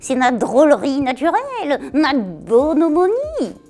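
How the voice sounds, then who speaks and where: A woman's voice: high-pitched, wildly swooping pitch, slow pace, mellow, faint music behind, voice pushed up, full character voice. Woman ventriloquist doing a boastful puppet boy. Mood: cheeky. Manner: naive, tactless, self-important. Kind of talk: ventriloquist act.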